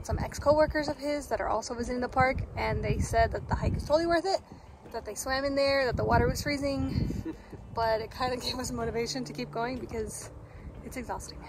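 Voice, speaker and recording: A woman's voice: a little high, moderate pace, heavy background noise. A woman in her twenties chatting casually while vlogging on a mountain trail, filmed on a phone held at arm's length. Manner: chatty, laughs often. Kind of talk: casual hiking vlog.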